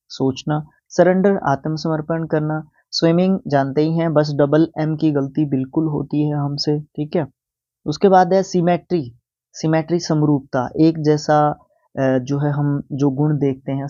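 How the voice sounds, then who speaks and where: A young man teaches a casual exam-prep lesson. His voice sits a little high and sounds mellow. He spells words out slowly and keeps checking in with listeners, all on a dull, lo-fi recording.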